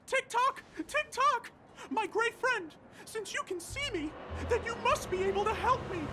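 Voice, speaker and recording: A woman voicing a small, boastful, excitable cartoon clock mascot in a video game, theatrical and exclamatory, pleading with big drama. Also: very high voice, moderate pace, background noise. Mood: urgent, pleading. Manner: theatrical, exclamatory, catchphrase-spouting. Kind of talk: animated video game character acting. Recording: music under the voice.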